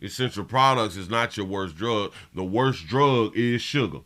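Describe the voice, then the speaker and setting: A man's voice: on the low side, expressive, measured pace. Man casually hosting a livestream. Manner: shouting out viewers by area code, slangy and loose. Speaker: livestream host.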